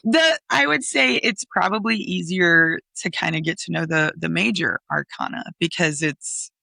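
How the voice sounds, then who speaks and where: A woman co-hosting a podcast, explaining things in relaxed casual chat with fillers and laughs. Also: on the low side, normal speed, vocal fry, no echo. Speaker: podcast co-host.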